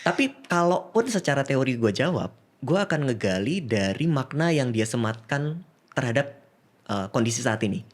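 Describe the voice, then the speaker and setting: A man's voice: mid-range voice, expressive, moderate pace. A man, a psychiatrist guest explaining cases with examples in a casual podcast chat, laughing easily and mixing in English.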